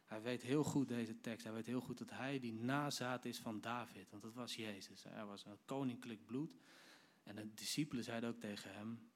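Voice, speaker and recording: A man's voice: mid-range voice, normal speed. A man giving a sermon, retelling a Bible story vividly and speaking directly to his listeners. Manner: lively storytelling, acts out quoted lines; addresses the audience directly. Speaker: preacher.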